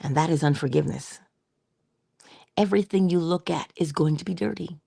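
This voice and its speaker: Woman, motivational speaker, low gravelly voice, husky, slow rhetorical questions and whispered asides, close and dry. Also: dark tone, dry recording. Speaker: inspirational speaker. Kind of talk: reflective spoken meditation.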